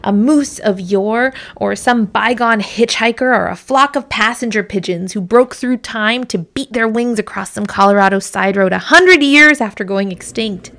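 A woman's voice: medium pitch, normal speed, few pauses, a bit bright. A woman narrating a reflective, scripted personal essay in a wistful, musing way, her voice sometimes sinking toward a whisper. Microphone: voice-over. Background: music.

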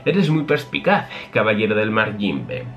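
A man's voice: lowish voice, big pitch swings, unhurried, muffled recording, faint music behind. A man voicing an eccentric male genius scientist who explains his ideas at length. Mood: lecturing. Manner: explanatory, lecturing.

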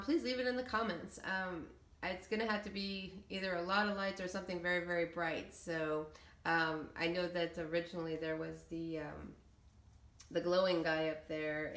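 Showing off a settlement build from a game, a woman creator gives loose, hesitant commentary that wanders. Her voice sits on the low side with a fairly bright tone, captured in an echoey, roomy space.

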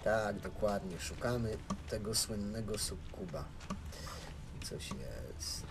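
A man's voice: on the low side, lively intonation, takes it slowly, creaky, rough recording. A man giving casual, playful and self-mocking gameplay commentary as a let's play host. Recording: game music behind the voice.

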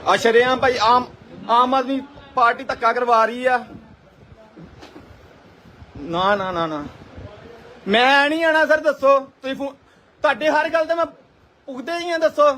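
Agitated high-pitched man on phone. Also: pushed and bright. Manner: agitated, pleading and protesting. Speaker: local party worker being detained. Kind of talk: live phone stream during police pickup. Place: outdoors by his house. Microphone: phone held in hand. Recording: live phone stream with background noise.

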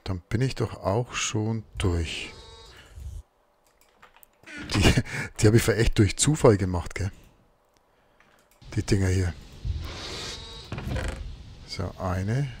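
A man's voice: on the low side, very slow, pauses often, a little mellow, slight background noise. A man giving casual let's play commentary, muttering to himself as he works through crafting.

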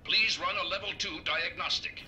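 A man voicing a malfunctioning male medical robot in a video game, glitching and repeating error messages in clipped, flat announcements. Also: high-pitched, moderate pace. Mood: error report. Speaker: game character.

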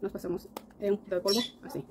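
Woman makeup vlogger, quick chatty delivery, faint noise behind. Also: mid-range voice, little pitch movement, low-quality recording. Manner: chatty, addresses viewers warmly with diminutives. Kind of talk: casual makeup tutorial.

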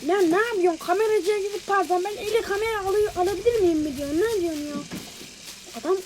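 A woman playing a video game and commenting on it, exasperated and often yelling at the character on screen. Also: extremely high pitch, fast talker, slight background noise, poor audio. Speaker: gamer. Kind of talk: let's play commentary. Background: loud game music.

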